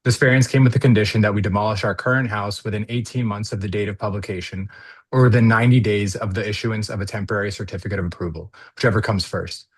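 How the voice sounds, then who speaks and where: A man comes through a video call, his low voice reading a prepared statement. He sounds earnest and pauses now and then on fillers. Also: fairly even intonation, slightly rough. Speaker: applicant at a zoning hearing.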